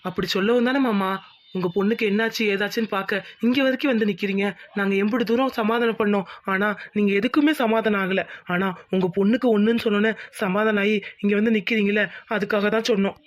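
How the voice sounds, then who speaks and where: A voice actor playing an earnest young village groom in a cartoon. He rattles quickly through his explanations in a flat, even tone. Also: mid-range voice, natural voice. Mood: explaining. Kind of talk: cartoon voice acting.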